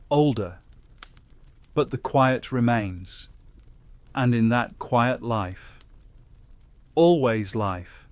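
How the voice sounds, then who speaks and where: A man gently narrating a scripted bedtime science story, guiding the listener in a soothing second-person voice. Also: medium pitch, no room sound.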